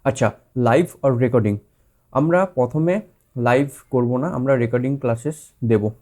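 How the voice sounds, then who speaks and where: With a warm, medium-pitched voice at normal speed, a male teacher introduces a course in a casual explanatory talk. He uses Bengali-accented English loanwords, rephrases often, fills his speech with fillers, and checks in with his students conversationally.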